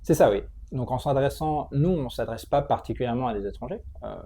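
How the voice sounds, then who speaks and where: Guy in an interview, kinda gravelly mellow voice, lots of searching for words, bit of background noise. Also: medium pitch, expressive, a little fast. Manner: hesitant, explanatory, often repeats words while searching. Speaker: interview guest, tech training school entrepreneur. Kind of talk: conversational interview answers.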